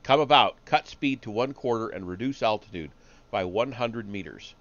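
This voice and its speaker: A man's voice: fairly low pitch, animated, normal speed, muffled recording, a little hiss or hum. A man reading aloud and voicing a wrathful male Sith lord who barks commands. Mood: commanding.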